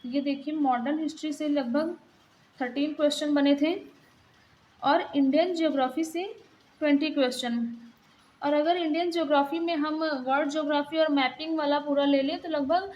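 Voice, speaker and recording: A woman's voice: high voice, steady tone, moderate pace, a little mellow, poor audio. A young woman giving a casual exam-prep lesson, explaining plainly while pointing things out in a book.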